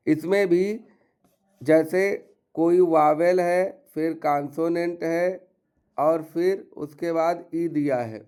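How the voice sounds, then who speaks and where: A man's voice: on the high side, fairly even intonation, takes it slowly, dark tone, smooth. A man teaching English pronunciation rules, explaining step by step and listing example words. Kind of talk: classroom-style pronunciation lesson.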